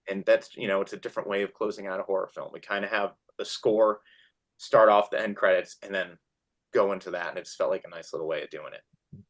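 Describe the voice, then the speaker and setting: A man around thirty, a film director as a guest, chatting casually in an interview with lots of restarts and fillers. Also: on the low side. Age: 30s. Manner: animated, many restarts and fillers.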